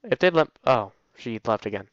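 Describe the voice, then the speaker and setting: Here the same kind of let's play host, a young man, reads a visual novel at normal speed in a mid-range voice with lively intonation, cracking playful remarks and fumbling some lines. There's no echo, but the mic sounds dull and lo-fi, with game music underneath.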